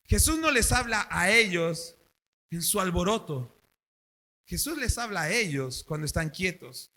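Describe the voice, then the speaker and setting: A man's voice: high voice, measured pace. A male pastor, preaching a sermon at a church service and asking the congregation questions. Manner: animated, asks the congregation questions.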